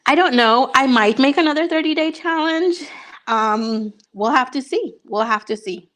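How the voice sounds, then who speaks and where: A woman's voice: high-pitched, expressive, normal speed, fairly bright tone. A young woman from Honduras, a YouTuber casually chatting with viewers and answering their questions, upbeat and full of fillers. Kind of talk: casual livestream chat.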